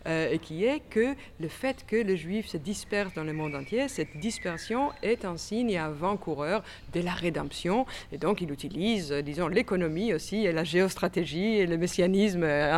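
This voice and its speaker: An exhibition curator answers interview questions about history, using lots of fillers and restarting often. The voice is medium-pitched, with a little hiss or hum in the recording.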